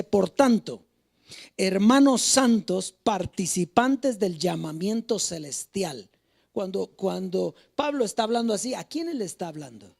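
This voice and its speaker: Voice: medium pitch, creaky, a little mellow. A preacher giving a sermon in a church, reading Bible verses aloud and putting questions to the congregation in a declaiming way.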